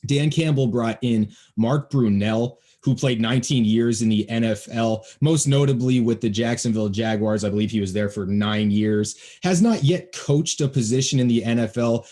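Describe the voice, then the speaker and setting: A man's voice: mid-range voice, moderate pace, hardly any pauses, mellow. Chatty young man hosting a podcast. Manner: friendly, chatty and joking. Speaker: podcast host. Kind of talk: casual sports podcast chat. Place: home, near Baltimore. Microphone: home podcast microphone.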